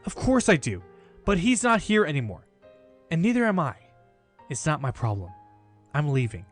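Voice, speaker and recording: Bitter hunter, male actor: high, animated, scornful drama delivery over faint music. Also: moderate pace. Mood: scornful anger. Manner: scornful, emphatic. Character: bitter, hot-headed male mystic hunter. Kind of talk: amateur animated drama acting.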